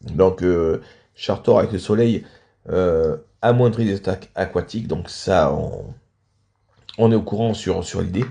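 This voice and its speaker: A man with a low, warm voice hosts and casually commentates on video game matches at a measured pace. He's slightly stuffed up from a cold, clearing his throat and coughing often.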